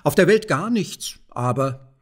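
A man's voice: on the high side, expressive, measured pace, husky. A man voicing a fat, proud, wealthy old farmer who talks in a blustering, mocking way.

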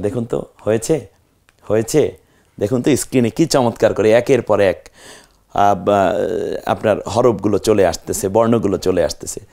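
A man's voice: fairly low pitch, dark tone. A man teaching a Quran reading lesson to viewers, patiently drilling letter names and praising them with religious phrases. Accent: Bangladeshi Bengali. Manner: speaks directly to viewer, frequent religious phrases. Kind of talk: step-by-step lesson on Arabic letters.

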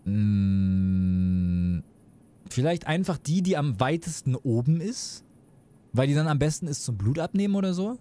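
A man's voice: medium pitch, sing-song, unhurried, warm tone. A man casually commenting as he plays a game live, chatty and wondering aloud. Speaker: streamer. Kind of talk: casual let's play commentary.

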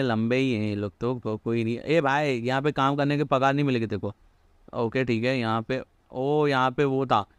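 A man's voice: medium pitch, smooth, no room sound. A young man casually commenting on his gameplay, joking and talking to himself as he plays. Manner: chatty, jokey, mixes English into Hindi, talks to himself while playing.

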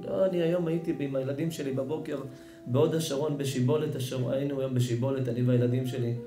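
A man, a rabbi, giving an emotional sermon, swinging between loud outbursts and hushed storytelling. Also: medium pitch, steady tone. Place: synagogue or event hall. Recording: echoey hall with music behind.

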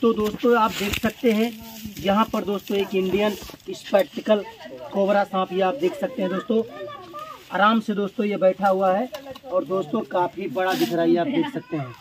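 A man's voice: high voice, fairly even intonation, normal speed. A man rescuing snakes outdoors in a village, narrating to camera and repeatedly addressing his viewers as friends. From India. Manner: repeats "friends" constantly, pleading urgently when the crowd threatens the snake. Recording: noisy outdoor crowd recording. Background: crowd of villagers talking.

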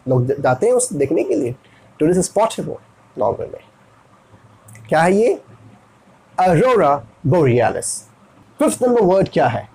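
Animated Indian man teaching pronunciation. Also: a little high, normal speed, gravelly, pauses often, breathy edge, rough recording. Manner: animated, asks and answers his own questions. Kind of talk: explaining lesson.

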